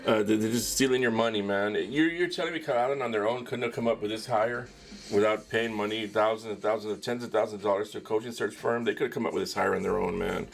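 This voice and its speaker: Gravelly-voiced man rambling through sports talk. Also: fairly low pitch, fast. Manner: rambling, frequent fillers, ends phrases with "man"; candid, opinionated commentary. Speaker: podcast host. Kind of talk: casual solo sports talk.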